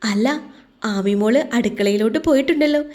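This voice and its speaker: A woman reads a gentle older father in a told story, soothing and measured. The voice stays mellow and warm, kept close to her own. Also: a little high, lightly acted.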